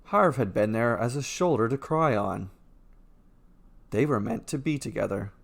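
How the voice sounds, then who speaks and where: A man reads a scripted fairy tale as its storyteller and narrator, with instrumental music playing behind his voice. He speaks expressively at normal speed in a medium pitch, with a creaky quality.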